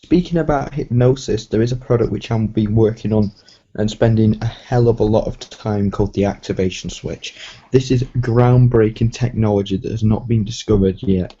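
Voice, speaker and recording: A man hosting a casual live stream, talking in a slow, even way that often trails off. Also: fairly low pitch, breathy edge. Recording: dull lo-fi stream audio.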